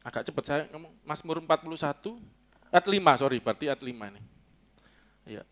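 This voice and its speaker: Indonesian pastor preaching. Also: male voice, fairly high pitch, a little fast. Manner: relaxed, joking, mixes in Javanese words and bursts into loud mock prayers. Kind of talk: sermon. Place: church hall.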